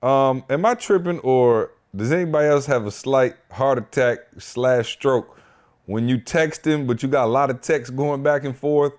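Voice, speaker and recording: A young man hosts a casual podcast in a mid-pitched voice. He talks in playful slang and teases as he goes. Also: normal speed, darkish tone. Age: young adult. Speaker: podcast host. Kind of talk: casual chat.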